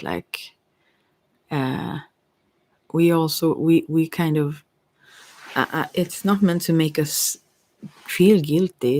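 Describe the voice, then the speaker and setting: An ASMR host whose sex is hard to tell rambles about personal matters in a hesitant, wandering, reflective way. The voice is medium in pitch with a somewhat dark tone.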